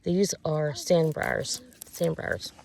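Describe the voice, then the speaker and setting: A woman talks casually to her viewers as she walks outdoors. Her voice has a creaky, gravelly edge, and her delivery is folksy and halting. There is faint noise on the outdoor recording. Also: sits low, very animated, darkish tone. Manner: folksy, rambling, halting while walking. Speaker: vlogger and outdoor guide. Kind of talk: casual outdoor walking vlog, talking to viewers. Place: outdoors on a rural field and hollow trail.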